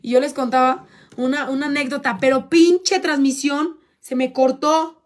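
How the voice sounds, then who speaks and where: A woman's voice: high voice, steady tone, moderate pace. A young Mexican woman hosting a casual live stream, joking crudely, laughing often and reading out viewer donations. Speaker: livestream host.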